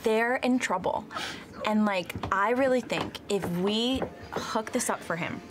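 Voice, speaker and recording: A woman's voice: medium pitch, measured pace, noisy background. A young woman chatting casually in character as a tabletop game player, peppy and chatty with valley-girl phrasing. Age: young adult. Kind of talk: casual in-character improvised chat. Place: indoor studio set dressed as a tavern.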